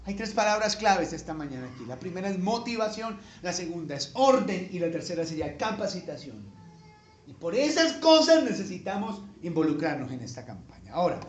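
A man's voice: high-pitched, a little hiss or hum. A man with a Colombian accent preaching a conversational sermon, folksy and joking, building to emphatic peaks. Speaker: pastor. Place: church sanctuary. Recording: echoey church room.

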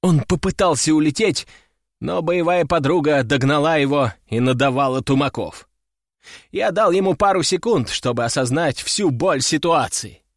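A man narrating a first-person audiobook story in a wry, measured way. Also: fairly high pitch, no room sound, clean studio sound. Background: faint music.

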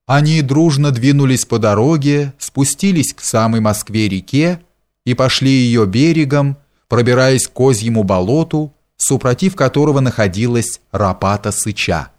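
A man narrating a historical tale as an audiobook reader, in a measured storytelling manner. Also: mid-range voice, a little mellow.

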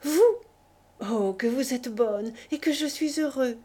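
A woman voicing an excitable, impulsive imprisoned male financier who speaks in effusive exclamations. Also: on the high side, moderate pace, slightly rough. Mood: overjoyed.

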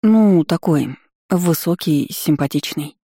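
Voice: medium pitch, takes it slowly, mellow, dry recording, clean studio sound. Reader as a sheepish, flustered young heroine. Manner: hesitant, sheepish, glum.

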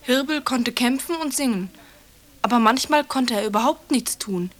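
A woman's voice: fairly high pitch, normal speed. A woman presenting a school radio programme and speaking directly to children in a friendly way.

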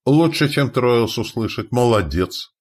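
A man voicing an eager young Norse lookout lad who speaks broken Russian and shouts from the mast. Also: mid-range voice, animated, measured pace, voice pushed up.

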